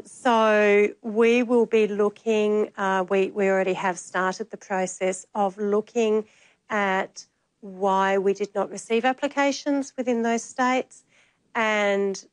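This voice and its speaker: A woman's voice: mid-range voice, dry recording, poor audio. A woman with an Australian accent, a program director on a panel, speaking in a businesslike way with some fillers. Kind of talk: panel discussion answers.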